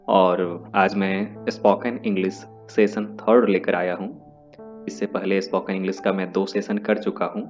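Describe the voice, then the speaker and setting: Low-voiced male English teacher, lo-fi. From India. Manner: explanatory, repeats key terms, switches into English for example sentences. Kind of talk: classroom-style video lesson. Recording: dull lo-fi audio with faint music.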